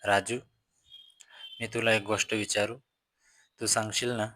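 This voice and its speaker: A man voicing a teasing, playful neighbourhood aunt in a storytelling reading, keeping his own flat voice. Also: on the low side, measured pace, dry recording.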